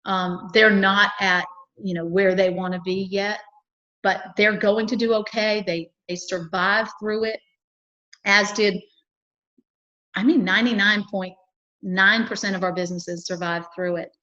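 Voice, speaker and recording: A woman's voice: mid-range voice, steady tone, unhurried, pushed and bright, lo-fi sound. A woman from a chamber of commerce, talking earnestly and cheerfully in a local cable TV interview, with lots of fillers and restarts.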